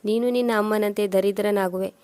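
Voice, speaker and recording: A woman's voice: medium pitch, fairly even intonation, brisk, darkish tone, no room sound, natural voice. A woman voicing a harsh, scornful old mother-in-law who scolds in cutting words.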